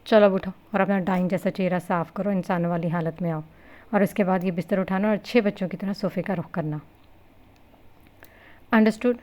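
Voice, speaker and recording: A woman's voice: mid-range voice, steady tone, mellow, lightly acted. A woman voicing a blunt young husband who talks in a cold, scolding way, in a novel reading. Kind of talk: novel reading with character voices.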